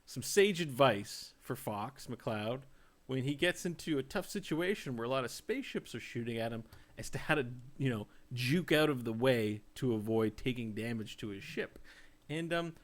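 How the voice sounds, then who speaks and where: A man's voice: mid-range voice, lively intonation, normal speed. A man hosting a casual livestreamed gaming podcast, rambling and joking as he draws out his setups. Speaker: podcast host.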